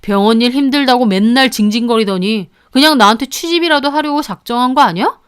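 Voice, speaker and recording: A snappish, accusing young boyfriend, read by a woman narrator. The voice is fairly high and smooth, with a dry close sound. He picks fights in a sulky tone. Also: fairly quick, no room sound, lightly acted.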